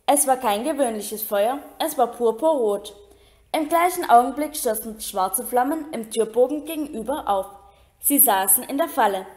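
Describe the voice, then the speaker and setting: Woman, audiobook reader, steady storytelling, small slips, slightly high, roomy echo. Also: moderate pace. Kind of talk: amateur audiobook reading.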